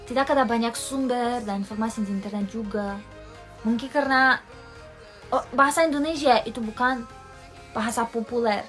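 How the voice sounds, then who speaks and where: A woman's voice: fairly high pitch, bright, forceful tone. A woman from Europe telling a personal story as a foreigner in fluent, carefully phrased Indonesian.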